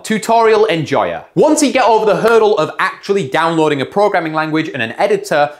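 A young man hosting a comedic programming tutorial, narrating with wry, deadpan humor. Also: high voice. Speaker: tutorial host.

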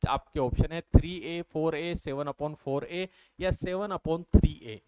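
A man's voice: a little high, takes it slowly, dark tone, smooth, no room sound. A man teaching an exam-prep maths lesson, explaining step by step and putting questions to his viewers. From India. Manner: explains step by step, keeps asking the viewers questions and answering them.

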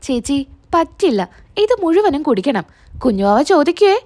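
A woman reading the lines of a gentle, caring young woman who softly pleads with her sister-in-law, in a high voice close to her own. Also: sing-song, normal speed. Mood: pleading.

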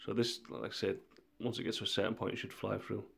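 A man with a cold talking through a screen tutorial in a monotone, laid-back way. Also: on the low side, fast talker, gravelly, breathy edge. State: has a cold. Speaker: tutorial maker.

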